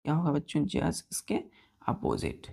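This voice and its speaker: A woman teacher leads a vocabulary lesson, spelling each word letter by letter and counting the letters aloud. Her voice sits low and has a gravelly, creaky edge. She keeps asking her students questions as she goes. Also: wildly swooping pitch, moderate pace, warm tone. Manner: asks the class repeated questions.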